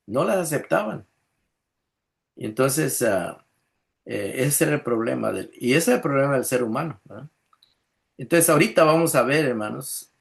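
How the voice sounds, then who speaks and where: A man's voice: medium pitch, gravelly. A man pastor, preaching a conversational sermon with frequent restarts, acted-out quotes and checks on his listeners. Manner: chuckles often, asks listeners "¿verdad?".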